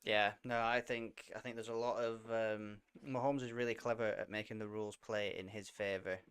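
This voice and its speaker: A man's voice: on the low side, little pitch movement, moderate pace, a bit bright, clean tone. A man co-hosting a football podcast in laid-back casual chat, often laughing. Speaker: podcast co-host.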